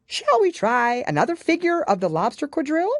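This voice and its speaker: A woman's voice: sits high, huge pitch swings, fairly quick, no room sound, clean studio sound, pitched above the performer's own voice. A woman voicing a brusque, impatient, bossy gryphon in an audiobook, with hasty exclamations. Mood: brisk. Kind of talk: audiobook character voice.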